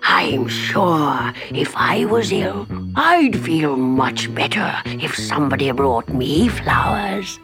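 A woman voicing a sly, greedy male wolf in a storybook reading, with a gravelly, drawn-out voice. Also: rumbling low, very animated, pitched below the performer's own voice, full character voice. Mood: coaxing. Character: sly male big bad wolf, sweet-talking and greedy. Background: background music.

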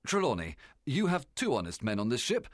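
A man voicing a calm, reasonable gentleman doctor in a storybook reading, measured and inquiring. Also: medium pitch, no room sound, clean studio sound, voice pushed up.

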